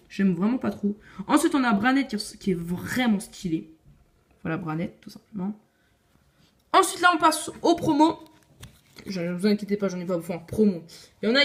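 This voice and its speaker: A woman casually showing her card collection on video, chatty and opinionated, with frequent hesitations. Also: a little high. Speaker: video creator.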